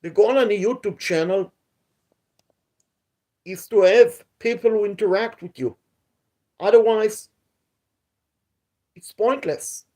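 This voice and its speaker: A man's voice: sits high, takes it slowly, long pauses, dark tone. A man hosting a live stream outdoors at night, talking in a repetitive, aggrieved, lecturing way. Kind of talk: casual live stream talk. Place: outdoors at night near a pool.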